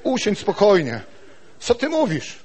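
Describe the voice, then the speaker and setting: A man voicing an elderly wife who calmly soothes and chides her husband, told within a sermon. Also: sits high, a little slow, husky, pitched above the performer's own voice, exaggerated voice. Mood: soothing. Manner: soothing, chiding.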